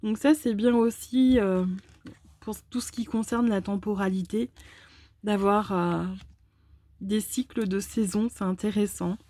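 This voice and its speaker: Mellow-voiced French woman presenting card decks. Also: mid-range voice, fairly even intonation, a little slow, no echo. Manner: chatty, many hesitant fillers. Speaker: tarot and oracle card channel host. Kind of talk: casual card deck presentation.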